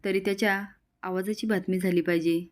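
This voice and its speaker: A woman's voice: mid-range voice, steady tone, brisk, close to an everyday voice. A woman voicing a scheming young village man who talks in a coaxing, boastful way.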